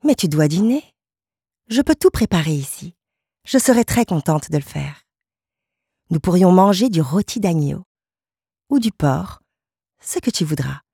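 A woman's voice: lowish voice, animated, unhurried, vocal fry, pauses often, mellow, breathy edge, dry recording, studio quality, heavily acted. A woman reading an audiobook and voicing a sweet, doting pregnant young wife who is eager to please. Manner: eager and solicitous.

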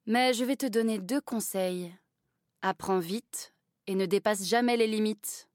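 A woman's voice: mid-range voice, unhurried, dry recording, studio quality, natural voice. A woman reading an audiobook and voicing a cold, commanding aristocratic countess who speaks in a stern, clipped way.

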